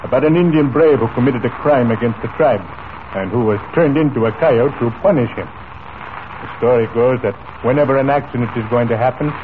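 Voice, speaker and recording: An actor, lightly performing, plays a genial, folksy, wealthy oilman in an easygoing 1940s radio style, telling his story in a deliberate way. His mid-range voice sounds grave and intrigued. The recording is old radio, noisy and tinny.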